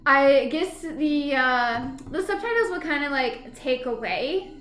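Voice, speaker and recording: A woman's voice: sits high, animated, slow, fairly bright tone, echoey room. A woman vlogging in a casual, rambling way. She laughs easily and hums filler syllables while she gathers her thoughts. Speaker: vlogger reviewing a TV episode. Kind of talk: casual rambling chat to camera.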